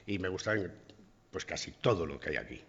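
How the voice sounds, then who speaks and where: A man's voice: low voice, fairly quick, a bit bright, slightly rough, long reverb tail, highs cut off. A man from Madrid, a guest called up from the audience, talking in an easygoing way and tagging on little questions. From Madrid, Spain. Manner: easygoing, adds frequent tag questions. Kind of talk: casual conversation.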